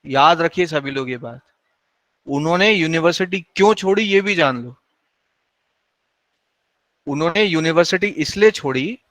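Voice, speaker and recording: Male lecturer, slightly high voice, slow and deliberate, dry sound, lecturing students in class. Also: a bit bright, dry recording, rough recording. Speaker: university lecturer. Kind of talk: classroom lecture in mixed Hindi and English.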